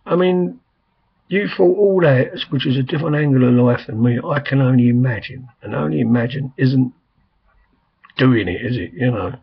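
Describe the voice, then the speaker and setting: An older man, hoarse and coughing, rambling chattily with lots of fillers in a casual video message from a quiet room at home. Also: medium pitch, moderate pace. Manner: rambling, chatty, frequent "I mean" and "um". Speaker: vlogger. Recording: dull lo-fi home recording.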